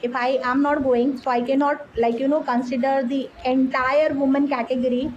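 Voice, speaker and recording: A woman's voice: high-pitched, level tone, normal speed, a little mellow, highs cut off, a little hiss or hum. A woman practicing conversation as a learner, chatty and filling her speech with "like, you know". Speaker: English learner.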